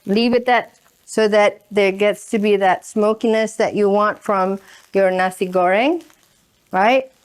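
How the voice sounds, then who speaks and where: A woman hosting a cooking demonstration talks slowly and unhurriedly. Her voice is smooth and clear, at an ordinary pitch. She keeps tagging her lines with "right?" while a pan sizzles behind her. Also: fairly even intonation. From Indonesia. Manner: chatty, keeps asking "right?". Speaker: cooking show host.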